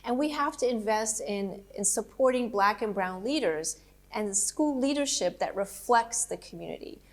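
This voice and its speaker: A middle-aged woman from Colombia, a political candidate, answering interview questions in an earnest, steady, policy-focused way. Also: mid-range voice, moderate pace.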